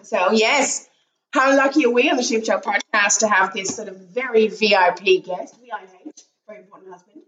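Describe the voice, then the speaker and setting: Woman, croaky cold voice, chatty with fillers, middle-aged, roomy echo. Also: mid-range voice, a little fast, a bit bright, distant mic. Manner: chatty, many fillers and restarts. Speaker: podcast host. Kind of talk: casual podcast chat. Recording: echoey room.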